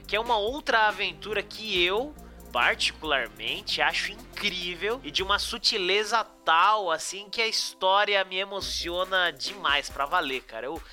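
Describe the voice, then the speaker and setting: A man's voice: sits high, sharp tone. A Brazilian man hosting a podcast in an informal, enthusiastic, slangy chat style. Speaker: podcast host. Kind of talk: casual chat, animated podcast introduction and discussion.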